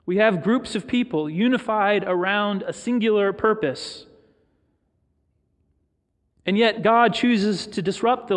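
High-voiced male preacher in an echoing hall. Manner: storytelling, reflective, with pauses for emphasis. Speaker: pastor. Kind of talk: sermon. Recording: long reverb of a large hall.

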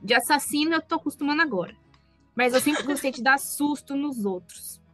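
Lively, high-voiced Brazilian woman storyteller. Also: soft background music. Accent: Brazilian Portuguese. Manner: animated, playful storyteller with quick asides to friends. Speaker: podcast co-host. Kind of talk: casual chat, storytelling.

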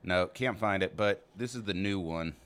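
A man's voice: low-pitched, normal speed, a bit bright. A man hosting a podcast in a casual, informal chat style, swearing freely. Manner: profane, informal. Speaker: podcast host. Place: small back room of a cigar lounge.

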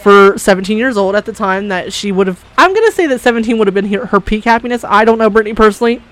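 A woman's voice: mid-range voice, fast, low-quality recording. A woman co-hosts a casual chat on a podcast. She talks bluntly and swears freely. She often breaks into laughter. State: coughing briefly. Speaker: podcast co-host.

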